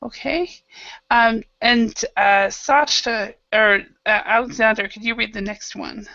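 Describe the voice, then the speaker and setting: Bright-voiced woman teaching English. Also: on the high side, fairly even intonation, measured pace, vocal fry, dry recording, highs cut off. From Idaho, United States. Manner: patient, encouraging, many fillers. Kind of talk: online English class.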